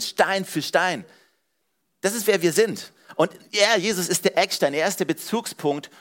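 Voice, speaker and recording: A man's voice: high voice, a bit bright. A man preaching a sermon as pastor, speaking earnestly and straight to his congregation. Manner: earnest, direct address to the congregation with repeated "hey" and "ja".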